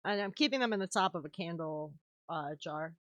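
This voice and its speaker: A woman's voice: on the low side, brisk, a bit bright, no room sound. A woman chatting casually on a live stream while crafting, swearing freely and laughing often. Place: home craft room.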